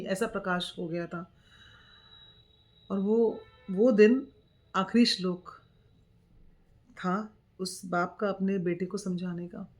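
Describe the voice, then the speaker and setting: Woman telling a spiritual story. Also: medium pitch. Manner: informal, conversational narration. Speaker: vlogger, storyteller.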